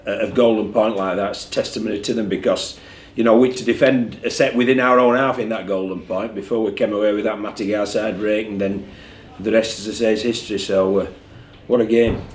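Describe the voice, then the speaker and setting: A rugby league head coach talks candidly at a post-match press conference, often repeating words as he thinks. His voice is low and steady, a little fast with few pauses, picked up by a desk mic in an echoey room with a faint background hum.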